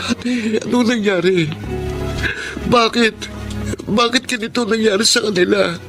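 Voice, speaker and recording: A man's voice: medium pitch, normal speed, over music, natural voice. A man playing an earnest young grandson. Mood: grieving. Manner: earnest and emotional. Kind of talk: audio drama acting.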